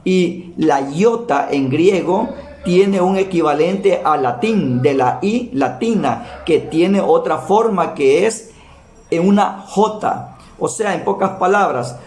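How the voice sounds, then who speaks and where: A man preaching a Bible teaching in a slow, deliberate way, repeating key words for emphasis. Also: sits high, animated, darkish tone, echoey room.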